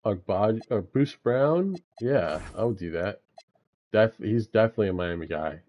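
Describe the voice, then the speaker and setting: A man's voice: fairly low pitch, animated, normal speed, dull audio. A young man giving laid-back gameplay commentary, thinking aloud with frequent fillers as he manages a basketball franchise. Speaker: gaming YouTuber.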